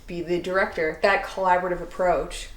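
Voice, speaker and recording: A woman's voice: lowish voice, steady tone, brisk, reverberant, poor audio. A woman hosting a casual interview, asking loose questions and chiming in with short replies and the odd light swear word. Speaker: interview host.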